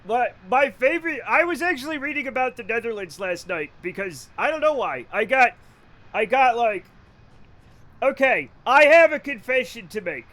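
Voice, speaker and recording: High, bright-voiced joking streamer guy. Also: animated. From Rhode Island. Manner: rambling, joking, cursing freely, quick to laugh. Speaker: livestreamer. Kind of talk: casual live-stream chat while gaming.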